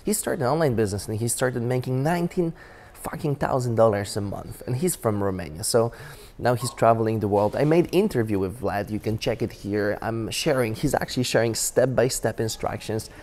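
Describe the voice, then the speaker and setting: A man's voice: mid-range voice, animated, brisk, darkish tone. Enthusiastic man vlogging. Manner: enthusiastic, repetitive restarts, non-native phrasing. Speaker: business vlogger. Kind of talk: casual to-camera advice talk.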